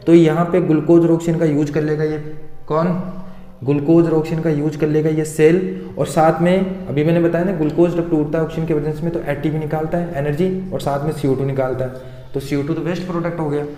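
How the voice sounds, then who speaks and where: A man's voice: on the high side, dark tone. Male teacher in an echoey room. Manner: asks students questions and answers them himself, repeating key terms. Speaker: science teacher. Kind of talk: blackboard science lesson. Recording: echoey room with long reverb.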